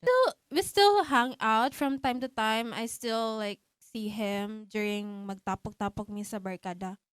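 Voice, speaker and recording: A woman's voice: on the high side, measured pace, clear, resonant tone, no room sound, studio quality. A Filipina woman around thirty with a Filipino accent, a podcast guest telling her story casually, mixing languages with fillers. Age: 30s. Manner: relaxed, mixes languages with fillers like "like".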